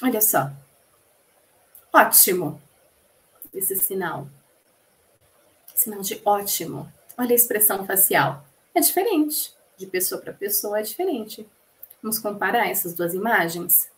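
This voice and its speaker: A woman's voice: mid-range voice, sing-song, measured pace. Woman explaining a lesson to a class. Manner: explanatory, addresses the class with rhetorical questions. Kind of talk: spoken lecture rendering.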